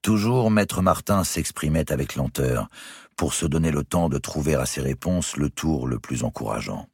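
A man narrates a historical novel in a steady, composed reading. His voice is very deep and husky. It is recorded close in a dry booth. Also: normal speed, no room sound. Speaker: audiobook reader.

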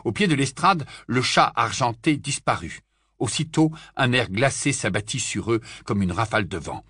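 A man reading a fantasy novel aloud as an audiobook narrator, with expressive storytelling. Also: medium pitch, normal speed, slightly rough, no echo, studio quality. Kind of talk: scripted narration.

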